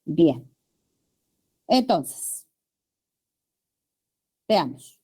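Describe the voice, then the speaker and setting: A woman's voice: low voice, big pitch swings, drawn-out words, dark tone, slightly rough. A woman teacher with a Peruvian Spanish accent, giving a classroom lecture and checking in with her students often. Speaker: language teacher.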